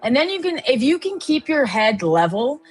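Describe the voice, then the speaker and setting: A woman's voice: sits high, sing-song, moderate pace, husky, rough recording. A woman with an Upper Midwest American accent, hosting live market commentary in a chatty way with many fillers. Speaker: trading show host.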